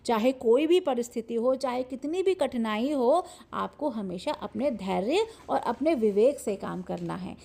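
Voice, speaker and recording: A woman teacher telling a story to children in a lively, animated way, retelling each part twice. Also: fairly high pitch, vocal fry.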